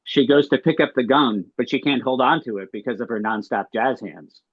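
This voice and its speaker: A man's voice: mid-range voice, fairly quick, breathy edge, dry recording, muffled recording. A man reading stage directions in a matter-of-fact way, over a video call.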